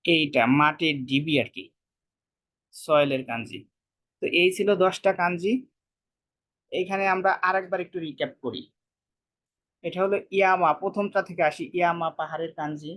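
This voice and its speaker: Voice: medium pitch, a bit bright. Teacher explaining Japanese words. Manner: explains slowly, repeats words, casual colloquial speech. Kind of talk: casual spoken lesson.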